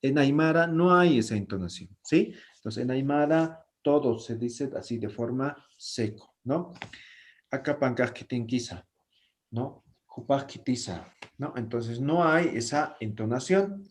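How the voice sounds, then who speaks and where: A man's voice: medium pitch, expressive, unhurried, hardly any pauses. A man teaching a language class online, explaining patiently and often checking that his students follow.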